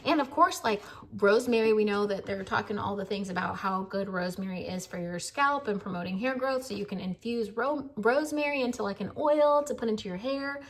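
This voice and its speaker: A woman's voice: mid-range voice, a little fast, hardly any pauses. An American woman talking casually to camera as a gardening vlogger, chatty and rambling, with plenty of fillers.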